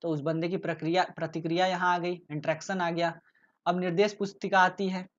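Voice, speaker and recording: A man's voice: high voice, flat delivery, a little fast, muffled recording. A man giving a casual exam-prep lecture, explaining with rhetorical questions and frequent check-ins. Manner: explains with rhetorical questions, often adds "ठीक है". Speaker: tutor explaining exam topics.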